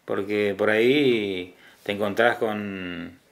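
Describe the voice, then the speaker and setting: A man's voice: fairly low pitch, fairly even intonation, slow, gravelly. A middle-aged man with an Argentine Spanish accent, who works as a hospital ambulance driver, talks casually in an interview, hesitating, repeating words and tagging his sentences with questions.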